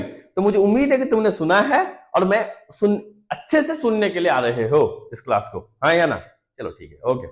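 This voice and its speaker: Brisk teacher firing quiz questions. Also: male voice, a little high. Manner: quizzing students with constant rhetorical questions; chatty, calls students "beta" and "yaar". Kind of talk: fast online revision lesson.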